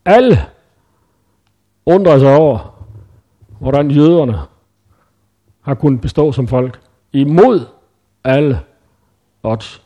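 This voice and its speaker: A man's voice: medium pitch, expressive, pauses often, mellow, muffled recording. A man preaching in a conversational Bible-teaching style, thinking aloud with frequent hesitations and self-corrections.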